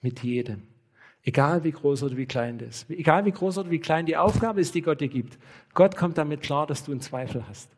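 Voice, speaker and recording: A man preaching a lively sermon. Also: a little high, fairly quick. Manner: lively storytelling, acting out dialogue; addresses listeners directly and earnestly. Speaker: pastor.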